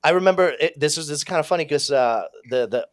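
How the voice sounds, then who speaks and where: A Venezuelan-raised man in his thirties tells his life story as a podcast guest. His delivery is casual, profane and animated, fast-paced, with a slightly high pitch.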